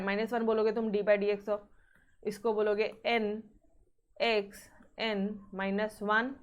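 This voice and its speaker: A woman. She mixes Hindi with terms, coaxes her students along with frequent checks on whether they follow, and gives stern reminders to practise. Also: on the high side. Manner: coaxing, checks in with students often. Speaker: maths teacher. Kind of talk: online maths class.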